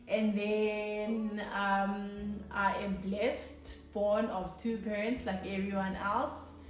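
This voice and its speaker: A cheerful South African woman in her thirties, a native Swati speaker, introduces herself to her YouTube channel in a relaxed get-to-know-me chat. She speaks unhurriedly in a mid-range voice and laughs often. The audio is poor, with a roomy sound.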